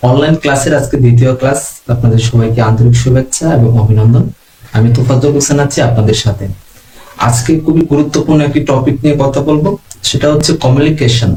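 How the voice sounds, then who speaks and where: বাংলাদেশের এক পুরুষ অনলাইন ক্লাসে যোগাযোগ দক্ষতা শেখাচ্ছেন, ধীর ও মাপা ভঙ্গিতে একটার পর একটা টিপস দিচ্ছেন।. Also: male voice, mid-range voice. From Bangladesh. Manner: calm, measured teaching with numbered tips. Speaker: online class instructor. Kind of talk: online lesson on communication skills. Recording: roomy echo.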